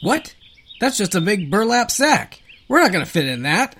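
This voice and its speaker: Man as a whiny, high-pitched timid boy. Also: very animated, moderate pace, fairly bright tone, slight background noise. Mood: protesting. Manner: whining, protesting. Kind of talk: comedy audio drama.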